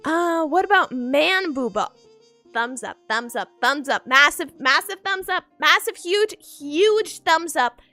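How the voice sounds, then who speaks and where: A VTuber streamer chats casually with her viewers, still groggy from just waking up, in a high, bright, expressive voice with a forceful edge. She's unhurried, playful and giggly, and repeats herself, while faint music plays in the background.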